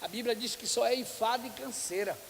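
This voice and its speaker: High-voiced preacher in a reverberant church hall. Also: male voice, a little fast, gravelly. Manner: animated storytelling preacher, acts out church members. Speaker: pastor. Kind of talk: conference sermon to cell group leaders. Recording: reverberant hall with faint hiss.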